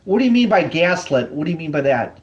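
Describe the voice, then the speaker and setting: A man's voice: a little high, sing-song, fast talker. A man talking casually over a bad phone connection, agreeable and rambling, often restarting his sentences. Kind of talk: casual conversation. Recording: dull lo-fi phone line.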